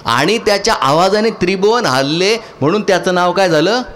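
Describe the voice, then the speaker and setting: A man's voice: high-pitched, expressive, a little fast, a bit bright. A man speaking to a live audience, often asking a question and answering it himself. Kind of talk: lecture to an audience.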